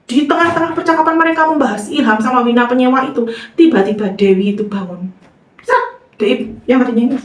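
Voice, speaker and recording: A woman retelling a horror story in a lively way, acting out the characters' voices, recorded with a roomy sound from a distant mic. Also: mid-range voice.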